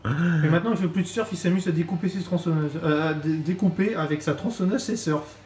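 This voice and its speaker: Higher-voiced man in an echoey room. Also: fast, darkish tone. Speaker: co-host presenting toy figures. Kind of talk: casual chat, product review. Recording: echoey room, music behind.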